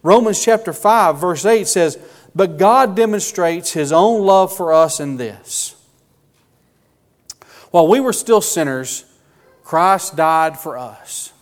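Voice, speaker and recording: Male preacher, earnest and emotional, slightly high voice, long hall reverb. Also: expressive. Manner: earnest, emotional, slow emphatic phrasing. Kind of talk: sermon.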